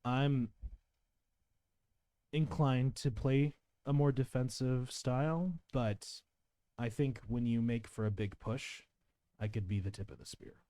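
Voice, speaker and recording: A man chatting at a tabletop game, joking and tossing out quick asides while he plans his moves. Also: medium pitch, fairly even intonation, warm tone. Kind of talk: casual tabletop chat.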